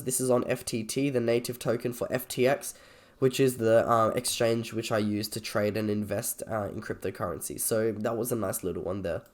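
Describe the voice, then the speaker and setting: Croaky-voiced man, casually explaining. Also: mid-range voice, darkish tone. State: sick with a cold or cough. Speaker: trader presenting a video. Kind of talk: casual screen-share trade review.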